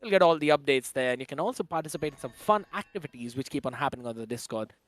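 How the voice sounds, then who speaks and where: A man's voice: mid-range voice, expressive, rapid-fire. A man giving casual color commentary and analysis on a mobile esports match, slangy and chatty.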